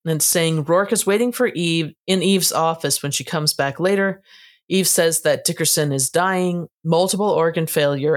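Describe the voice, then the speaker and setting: A woman co-hosting a casual book review podcast, giving a steady, matter-of-fact plot recap. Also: low voice. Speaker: podcast co-host.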